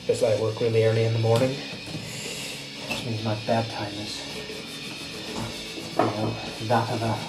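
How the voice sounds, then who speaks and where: Working as he talks, a man in his late thirties who hosts a guitar channel muses casually with lots of fillers. His voice sits on the low side with a level tone and moderate pace, broken by long pauses, and he's a little stuffy from a cold. Echo fills the room, and loud music plays behind.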